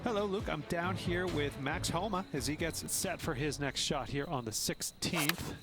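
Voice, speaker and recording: A man's voice: on the high side, moderate pace, loud music behind the voice, close to an everyday voice. A man playing an on-course golf commentator, reporting from beside the players in a video game broadcast. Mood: informative. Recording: outdoor ambient noise behind.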